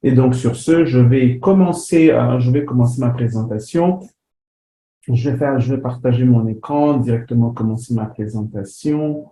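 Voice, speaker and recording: A man from DR Congo gives a webinar lecture, hesitating often with fillers and restarts. He speaks at a moderate pace in a warm, medium-pitched voice, and the sound is roomy with faint background noise.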